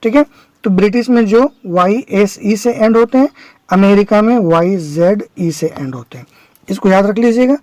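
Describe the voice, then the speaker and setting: A man's voice: high voice, animated, normal speed, a little mellow, no echo, rough recording. A man teaching an exam-prep vocabulary lesson, explaining step by step, repeating his examples and checking that his students understand. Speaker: English teacher.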